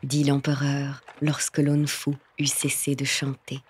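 Slow, breathy woman narrating. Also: very deep voice, completely flat delivery. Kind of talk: scripted literary narration.

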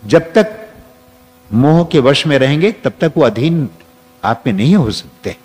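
A man's voice: a little high, very animated, unhurried, darkish tone. A man giving a spiritual discourse to an audience, leading guided affirmations and repeating phrases. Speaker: spiritual teacher. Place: large hall with an audience. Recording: long reverb from a hall.

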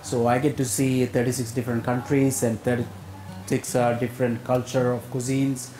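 This executive chef, a man in his forties with a South Indian accent, chats informally as an interview guest, his medium-pitched, dark voice moving little in pitch at a normal speed. A lapel mic picks him up at a demonstration table in an open-air hotel pavilion, with roomy echo and music beneath.

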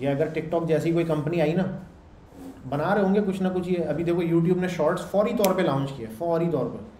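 A man with a warm, fairly high voice teaches programming at a moderate pace, lecturing in an easygoing way. He checks whether listeners follow with "samjh rahe ho" and "theek hai," and the echoey room carries a faint hum.

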